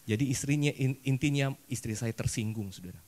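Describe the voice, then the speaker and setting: A man's voice: medium pitch, a little fast, darkish tone. A male pastor preaching a sermon and telling a personal story with humor, often addressing the congregation directly. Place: church service.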